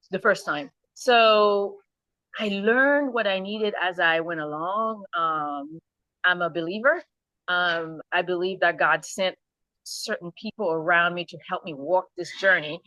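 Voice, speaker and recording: A middle-aged woman from Haiti, answering interview questions earnestly and thoughtfully, often pausing to rephrase. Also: fairly low pitch, sharp tone, no room sound, dull audio. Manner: earnest, thoughtful, with light laughs and restarts. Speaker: nonprofit founder and program director.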